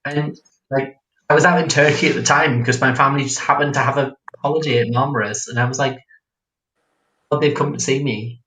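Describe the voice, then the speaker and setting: A man's voice: medium pitch, steady tone, quick pace, bright, forceful tone, slight background noise. A man hosting a casual livestream chat as a drag queen, giggly and chatty, reading out viewer comments. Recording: echoey room.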